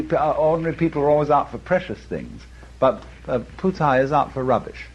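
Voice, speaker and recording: Husky man lecturing on a dull recording. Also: mid-range voice, darkish tone. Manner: musing, chuckling, with frequent asides. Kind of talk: lecture on art and philosophy.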